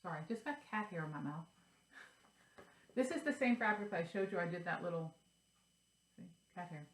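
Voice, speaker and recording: A woman's voice: on the low side, expressive, fairly quick. A middle-aged woman vlogging about cross-stitch in a chatty, rambling way, repeating herself as she talks. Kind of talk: casual show-and-tell chat. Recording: roomy sound from a distance.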